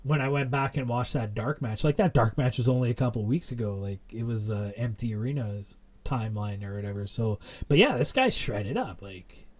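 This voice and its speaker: A young man talking through wrestling matches in a loose, rambling podcast chat. His voice sits at an ordinary middle pitch, and he fills his thoughts with "like" and "you know" as he goes. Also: lively intonation, fairly quick. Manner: chatty, rambling recap with many fillers. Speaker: podcast co-host.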